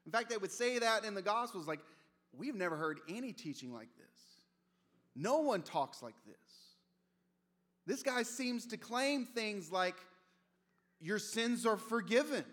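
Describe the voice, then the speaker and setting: A man's voice: high voice, animated, measured pace, fairly bright tone. A man preaching a sermon as pastor, conversational and storytelling, with casual asides. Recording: long reverb of a large hall.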